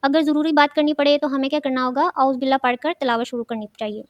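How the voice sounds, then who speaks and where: A woman's voice: sits high, steady tone, no echo, muffled recording. A woman teaching a children's religious studies lesson, asking questions and then answering them herself, often repeating key words.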